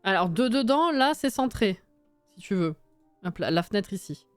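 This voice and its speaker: A woman's voice: mid-range voice, animated, normal speed, dry recording, faint music behind. A young woman chatting casually on a live stream while building in a game, reading chat aloud, swearing and laughing often.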